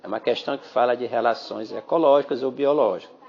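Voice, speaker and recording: A Brazilian man with a gravelly, creaky voice talks students through biology exam questions in a relaxed podcast lesson. He keeps checking in with his listeners as he goes. It is recorded on a phone app, so the sound is dull and lo-fi. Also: mid-range voice, fast talker. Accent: Brazilian Portuguese. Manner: chatty, addresses listeners as "galerinha", frequent "né?". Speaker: biology teacher.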